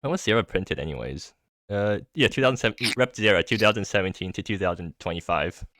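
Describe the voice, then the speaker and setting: A man hosting a casual stream chat who talks quickly and eagerly. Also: deep voice, lively intonation, fairly bright tone, slight background noise. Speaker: stream host. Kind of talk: casual chat about a card game.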